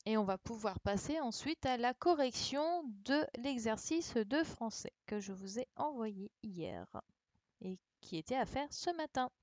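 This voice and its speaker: An online primary school lesson has a woman patiently spelling out letters as she corrects a dictation and checks that pupils follow. Her voice sits on the high side, a little mellow, with lively intonation and an unhurried pace. The computer mic on the call makes for a dry, dull, lo-fi recording.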